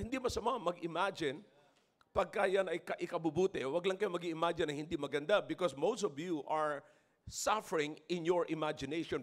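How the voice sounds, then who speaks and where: A man with a Filipino accent preaching a sermon, mixing English into Tagalog and building up to shouts. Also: very high voice. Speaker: pastor.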